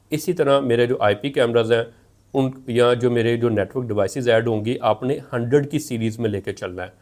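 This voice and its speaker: A man with a mid-pitched voice narrates a hands-on tech tutorial, going through each step in order. To keep things clear, he often repeats and rephrases what he's just explained.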